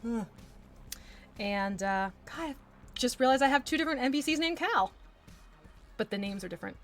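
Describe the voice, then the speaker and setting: A Texas woman paints miniatures on a livestream, chatting casually and rambling through asides and little laughs. Her voice is on the high side and expressive, at a moderate pace, with soft music in the background.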